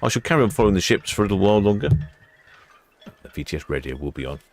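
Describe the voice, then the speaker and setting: A man's voice: on the low side, sing-song, racing. A man hosting a livestream, talking casually to his viewers as he signs off. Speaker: livestream host. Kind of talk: casual livestream sign-off narration.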